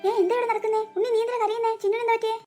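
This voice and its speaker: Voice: very high-pitched, flat delivery, racing, warm tone, faint music behind. A voice actor playing a bossy older sister who gives orders to the younger kids. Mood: alarmed. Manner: commanding, scolding. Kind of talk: cartoon voice acting.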